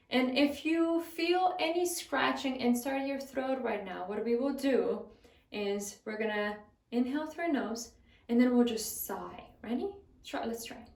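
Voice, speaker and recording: Higher-voiced woman teaching singing, roomy sound. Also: a little mellow, recorded from a distance. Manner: friendly instructive, guides exercises step by step. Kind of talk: vocal lesson.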